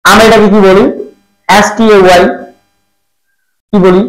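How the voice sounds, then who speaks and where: A man's voice: sits high, little pitch movement, measured pace, echoey room, rough recording. A man teaching English pronunciation, drilling each word by repeating it several times and asking rhetorical questions.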